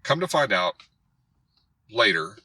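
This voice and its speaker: Man, karate host, bright and raspy, fairly low voice, animated storyteller. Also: takes it slowly, no echo, low-quality recording. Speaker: karate instructor and channel host. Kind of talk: storytelling rant to camera.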